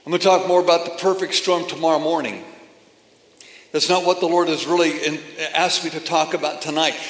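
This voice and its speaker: A man preaching a sermon with emphatic phrasing and pauses between phrases, addressing a congregation. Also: on the high side, steady tone. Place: church or meeting hall. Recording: echoey hall from a distance.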